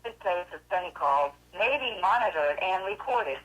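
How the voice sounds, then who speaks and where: A woman's voice: fairly low pitch, moderate pace, lo-fi sound. Recorded woman on a payphone call line. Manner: flat recorded announcement. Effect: prepaid collect payphone call recording. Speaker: automated collect call operator.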